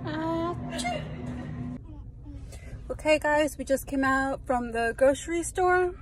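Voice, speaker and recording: A woman's voice: sits high, moderate pace, faint music behind. A young adult woman, a mother, chatting casually and teasing playfully in a vlog from a car. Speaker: vlogger and mother. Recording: car and street noise behind.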